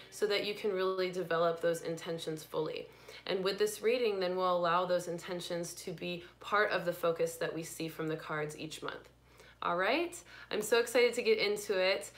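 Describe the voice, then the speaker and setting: A young woman hosting a live card reading and guided meditation, speaking in a gentle, unhurried, spiritual tone and greeting viewers by name. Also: fairly low pitch. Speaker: intuitive reader and livestream host.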